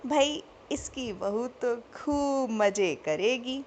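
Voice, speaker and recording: A woman voicing an elderly grandmother who dotes on her grandson, speaking slowly and fondly, with a tart edge. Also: a little high, animated, a little hiss or hum. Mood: doting. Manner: slow, drawn-out, fond speech.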